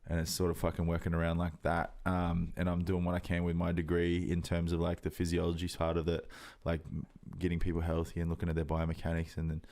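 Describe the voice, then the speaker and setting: Deep-voiced Australian young man, swearing. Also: monotone, fast talker, few pauses, a little mellow. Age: 20s. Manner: rambling, swears often, many fillers. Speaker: podcast co-host, rugby league player. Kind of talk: casual chat.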